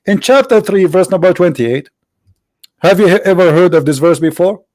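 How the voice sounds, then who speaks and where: A man with a fairly high voice hosts a live call-in debate show and argues insistently with his caller. He repeats phrases to drive his points home. The sound is close and dry, with no room echo. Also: normal speed, a little mellow.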